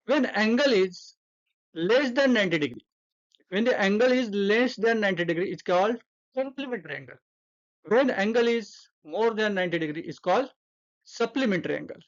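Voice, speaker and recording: An Indian-accented woman teaches a math class and walks through each step with patient repetition. Her delivery is extremely slow and deliberate. The recording sounds muffled and lo-fi. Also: medium pitch, animated. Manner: explains slowly step by step, repeats terms, mixes English and Hindi.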